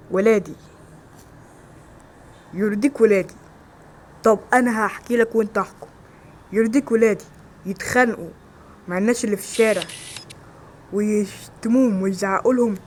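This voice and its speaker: A man with an Egyptian Arabic accent acting several everyday roles in a homemade skit, with quick, exclamatory lines. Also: high voice, a little hiss or hum, natural voice. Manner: quick, loud, exclamatory dialogue. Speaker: amateur actor.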